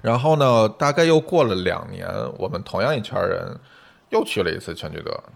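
A man's voice: on the low side, animated, brisk, vocal fry. A man chatting casually and animatedly as a podcast co-host, giving his opinions freely. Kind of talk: casual chat about restaurants.

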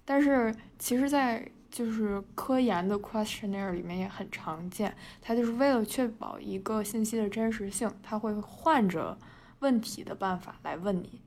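A woman's voice: mid-range voice, moderate pace, a little mellow, a little hiss or hum. A Chinese woman, chatting as a podcast co-host, laughing often, padding her talk with fillers and mixing in English words. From China. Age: 20s. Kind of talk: casual storytelling chat.

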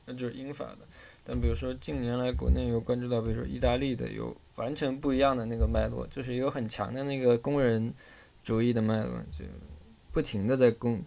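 Man, reading class host, casual lecture, gravelly fry in the voice, sore throat, middle pitch. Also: dark tone. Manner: loose, conversational explaining.

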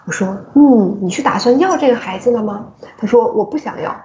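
Woman, podcast co-host, middling pitch, chatty lively storyteller; roomy, slightly muffled recording. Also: brisk, slight background noise. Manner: lively storyteller who laughs often. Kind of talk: casual chat, telling a work story.

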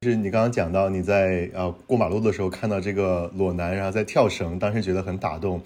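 A man's voice: deep voice, steady tone, fast, darkish tone. A man hosting a casual podcast, asking his guest long, searching questions. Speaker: podcast host.

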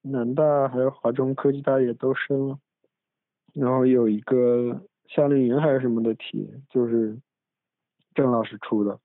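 A man's voice: mid-range voice, steady tone, normal speed, dry recording. A male podcast host in casual academic chat, rambling with restarts and asides, recorded on a phone in a room at home. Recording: tinny, dry phone recording.

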